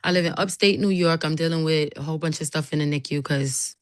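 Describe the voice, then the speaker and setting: Female attendee, halting casual talk, low voice, dry video-call audio. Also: dry recording. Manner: hesitant, many fillers. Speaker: nurse and webinar attendee.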